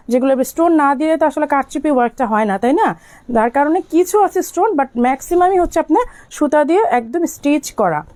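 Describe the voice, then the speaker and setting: A young Bangladeshi woman runs an online shop and sells on a live stream, chatting with viewers and answering their comments. She is ill, slightly hoarse and coughing, so she speaks slowly to spare her high, darkish voice. There is no room sound.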